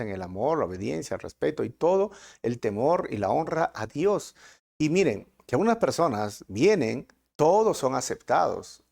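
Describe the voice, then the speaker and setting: A man with a Peruvian Spanish accent preaching a verse-by-verse sermon as pastor, with animated delivery and rhetorical questions. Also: mid-range voice, creaky.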